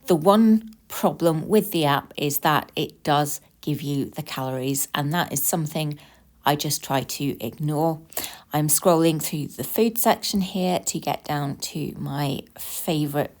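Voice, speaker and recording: Low-voiced British woman chatting, eat-with-me style. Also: a little slow, a little mellow. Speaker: vlogger sharing eating disorder recovery support. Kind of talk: casual eat-with-me vlog chat, talking over a drink.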